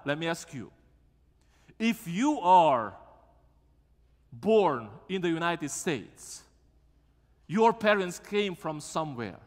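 A man, preaching a sermon as pastor in a church sanctuary and asking the congregation questions. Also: high voice. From Romania. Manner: lively, asks the congregation questions. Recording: long church reverb.

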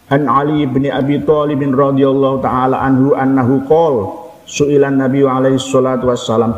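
Emphatic Javanese preacher in echoey room. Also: male voice, mid-range voice, darkish tone. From Java. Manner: emphatic, repeats points, rhetorical questions. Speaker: Islamic preacher. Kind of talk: critical religious lecture to camera. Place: indoor room with wooden doors. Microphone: camera in front, seated. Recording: echoey room, dull sound.

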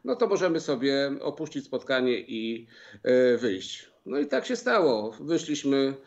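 A middle-aged man, a farmers' union representative, recounting a meeting over a video call in a halting way, full of filler sounds and restarts. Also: medium pitch, sing-song, gravelly, darkish tone. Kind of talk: remote interview, recounting events. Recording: slightly dull video-call audio.

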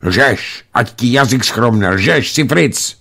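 A man reading a story aloud and voicing a young village boy, suspicious and shrill. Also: lively intonation, sharp tone.

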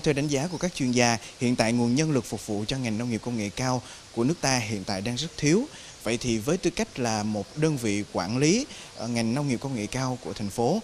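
A young man asking an official interview questions politely and formally, with occasional fillers. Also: mid-range voice. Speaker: reporter.

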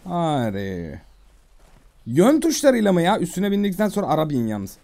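A Turkish-accented man commentates his game playthrough in a loose, chatty way, with a lively voice that rises and falls. He mutters to himself and keeps repeating soft calming words. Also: a little high, moderate pace. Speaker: gaming streamer. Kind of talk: casual let's-play commentary.

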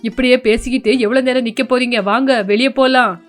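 A woman voicing an older, fretful mother-in-law in an animated story, sharp and scolding. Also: fairly high pitch, fast talker, faint music behind, natural voice.

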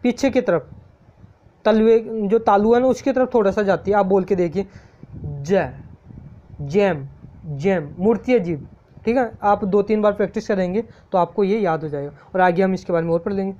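A man teaches a lesson in a warm, mellow voice and explains each point step by step. He patiently repeats every example word slowly. The recording is dull and lo-fi. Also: sits high.

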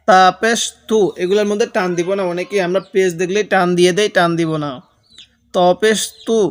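A man teaching Quran reading, patiently sounding out each Arabic letter and vowel and correcting common mistakes. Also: high-pitched. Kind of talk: slow step-by-step lesson.

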